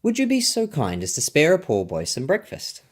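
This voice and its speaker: A man's voice: fairly high pitch, huge pitch swings, normal speed. A man voicing a polite, poor young boy with earnest courtesy, reading a children's storybook. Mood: polite, hopeful.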